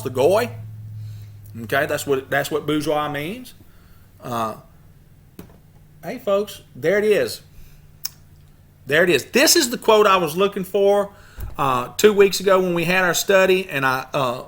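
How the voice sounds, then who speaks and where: A man's voice: fairly high pitch, fairly bright tone. A man hosting a channel, leading a lecture-style study session, who speaks emphatically, keeps asking his listeners rhetorical questions and often restarts his words. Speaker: YouTube channel host leading a study group. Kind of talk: lecture-style talk to a group.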